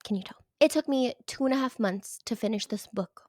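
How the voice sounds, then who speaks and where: An emphatic, animated woman chats casually about books, and her voice sits a bit higher than most. She often drops into a whisper for effect. The sound is close and dry. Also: a little fast, no echo. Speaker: book reviewer. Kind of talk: casual chat.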